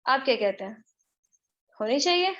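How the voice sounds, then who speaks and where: A young woman teaching spoken English in a live online class. She teases and scolds her students briskly, slipping English phrases into her Hindi-Urdu speech. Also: high voice, lively intonation, a bit bright. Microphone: computer mic in a live online class. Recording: dull lo-fi online call audio.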